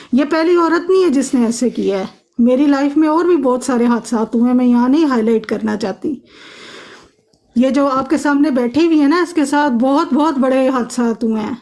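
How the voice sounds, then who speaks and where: A woman's voice: high-pitched, darkish tone. A woman on a phone live stream arguing emphatically, insisting the other person listen to her. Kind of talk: heated live-stream argument.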